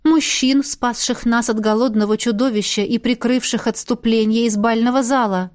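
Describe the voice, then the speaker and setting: A woman narrating a first-person fantasy audiobook in an even, expressive storytelling manner. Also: fairly high pitch, normal speed.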